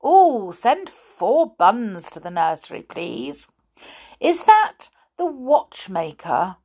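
A big naughty doll, bossy and smug, teases the other toys in a high voice that swoops up and down, as a woman storyteller puts her on. She talks grandly and slowly, like a spoiled storybook girl. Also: very animated, a little mellow, breathy edge, full character voice. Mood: phoning grandly.

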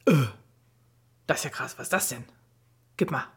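A woman's voice: low voice, expressive, moderate pace, husky, exaggerated voice. A woman doing a nosy, playful dad. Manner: eager, nosy, coaxing. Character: curious playful father. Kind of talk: children's story reading.

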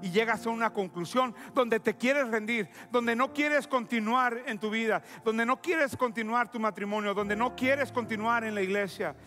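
A man preaching a sermon as pastor, emphatic and repetitive, drawing out key phrases slowly. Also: very high voice, bright, forceful tone, faint music behind.

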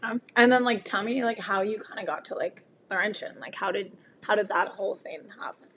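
A woman with a hoarse smoker's rasp from screaming, hosting a casual interview. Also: mid-range voice, brisk, fairly bright tone, a little hiss or hum. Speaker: podcast host.

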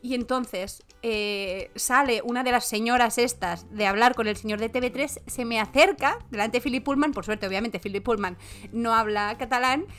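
Lively woman telling an anecdote. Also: fairly high pitch, normal speed, soft background music. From Barcelona. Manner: animated anecdote-telling, acts out quoted voices. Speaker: podcast co-host, translator. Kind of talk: casual chat, storytelling.

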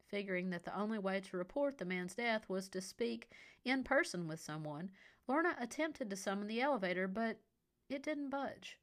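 Woman narrating a story, measured. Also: mid-range voice, animated.

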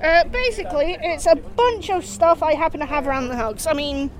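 A woman with a Highland Scottish accent speaks in a high-pitched voice. She talks informally, as a cosplayer answering an interviewer's questions. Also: fairly quick. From Kingussie, Scottish Highlands. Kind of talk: casual chat.

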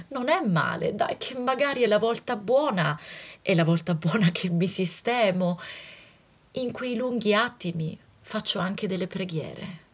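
A woman singer, delivering a theatrical, animated comic monologue. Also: medium pitch, breathy edge.

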